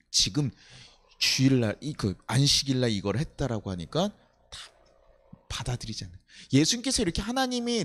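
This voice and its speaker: A male pastor preaching a sermon at a night worship service, conversational and animated, asking the congregation rhetorical questions and briefly acting out quoted voices. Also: fairly high pitch. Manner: acts out quoted voices in short snaps.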